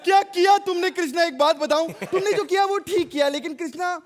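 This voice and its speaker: A man's voice: very high voice, a little fast, slight background noise. A male comedian doing a mock-ranting stage act on a TV studio stage, teasing the judges. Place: TV studio stage with live audience.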